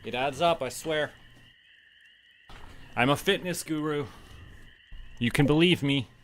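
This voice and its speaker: During a casual game stream, a man from Canada mutters to himself and chats with viewers as he plays. His voice sits on the high side, a bit bright and slow-paced, with slight background noise.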